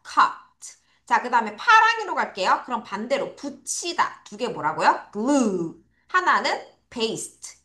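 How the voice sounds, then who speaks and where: A woman teaching English vocabulary to children in an online lesson, asking questions and answering them herself, spelling words letter by letter and drawing out each word slowly for pupils to repeat. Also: fairly high pitch, big pitch swings, pushed and bright. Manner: spells words letter by letter, slow drawn-out model pronunciation. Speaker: English teacher at a private academy.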